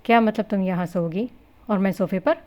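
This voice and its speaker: A woman's voice: medium pitch, darkish tone, muffled recording, close to an everyday voice. A woman voicing a blunt young husband who talks in a cold, scolding way, in a novel reading. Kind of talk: novel reading with character voices.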